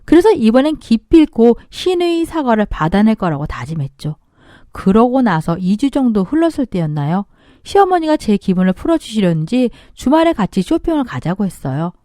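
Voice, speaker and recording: A woman's voice: fairly high pitch, warm tone, no room sound, studio quality. A woman reading a story aloud for a story-radio channel, expressively acting out the writer's feelings. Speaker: story narrator.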